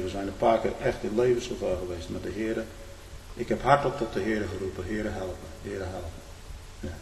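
A man preaching a fiery sermon, swinging from loud outbursts to hushed low tones and often adding a questioning "hm?". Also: a little hiss or hum. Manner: fervent, often adds a questioning "hm?". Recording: echoey hall with long reverb.

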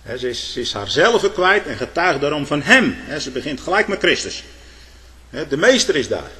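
A man's voice: on the high side, big pitch swings, moderate pace, pushed and bright. Male preacher, fervent sermon delivery with repeated words, long church reverb. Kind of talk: sermon and closing prayer.

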